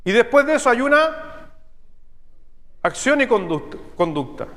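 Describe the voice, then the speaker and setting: A man with a Chilean accent preaching a sermon as pastor, teaching step by step and checking in with his listeners through quick questions. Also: very high voice, big pitch swings, fairly bright tone, in a large hall. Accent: Chilean Spanish. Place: church sanctuary.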